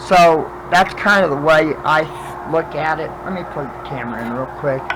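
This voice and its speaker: A man with toothless, slurred speech, chatting casually and haltingly as he demonstrates a craft, thinking aloud while he works. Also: fairly high pitch, noisy background. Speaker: craft vlogger demonstrating wood burning. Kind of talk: casual chat while working.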